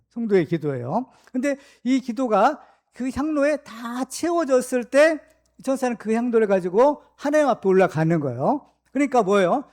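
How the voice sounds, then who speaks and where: A male pastor preaching a sermon, emphatic and full of rhetorical questions to his congregation, reading scripture slowly and deliberately. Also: very high-pitched, darkish tone.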